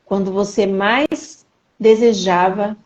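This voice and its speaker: A woman's voice: medium pitch, fairly even intonation, slow pace, darkish tone, lo-fi sound. A woman hosting a live faith podcast, introducing her guest in an earnest, emotional and talkative way. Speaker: podcast host.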